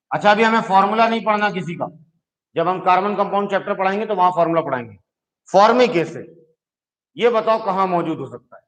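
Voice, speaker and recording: High-voiced man teaching chemistry. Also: a bit bright, poor audio. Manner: explains patiently, checks in with "ठीक है". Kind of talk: classroom lecture.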